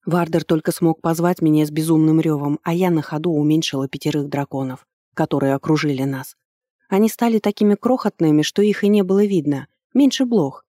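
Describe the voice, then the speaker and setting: Brief: woman audiobook narrator, dark mellow timbre, steady storytelling delivery. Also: low voice, fairly quick, no room sound, clean studio sound. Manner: even, storytelling delivery with lively lifts on dialogue. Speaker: audiobook reader. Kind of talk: first-person fantasy audiobook narration.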